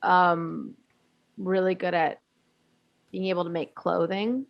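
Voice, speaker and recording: A woman's voice: on the low side, steady tone, slow pace, creaky, dry recording, highs cut off. A woman co-hosting a podcast in casual chat, rambling and self-deprecating with plenty of swearing. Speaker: podcast co-host.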